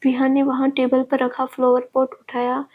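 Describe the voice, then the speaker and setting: A woman narrating a family drama story in a steady, even reading voice. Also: high voice, moderate pace. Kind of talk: read-aloud story narration. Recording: dull lo-fi recording.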